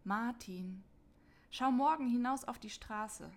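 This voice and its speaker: A hushed, gentle divine voice speaking softly into a listener's ear, as a woman reading a storybook puts it on. It is calm and unhurried, quiet enough to seem almost a whisper. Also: a little high, pitched above the performer's own voice.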